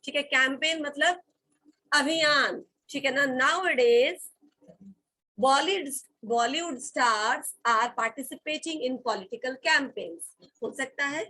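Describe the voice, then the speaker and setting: An Indian woman teaching English vocabulary in a college classroom, her voice high and bright with a slightly husky edge. She speaks at a slow, deliberate pace and keeps a firm, scolding tone. She spells words out letter by letter for her students. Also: poor audio. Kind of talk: classroom lesson mixing Hindi and English.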